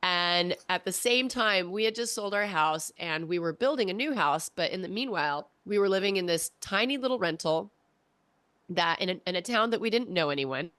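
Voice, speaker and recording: A woman in her forties, a podcast guest telling her story in a casual interview, animated and quoting her past self. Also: fairly low pitch, moderate pace, no echo. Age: 40s. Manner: animated, acts out her own past voice in quotes.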